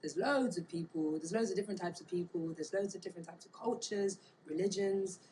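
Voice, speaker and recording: A woman from Bermuda, talking casually and reflectively in an interview, pausing to search for words. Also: lowish voice, mellow, poor audio. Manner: thoughtful, halting, searching for words. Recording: clear background ambient noise.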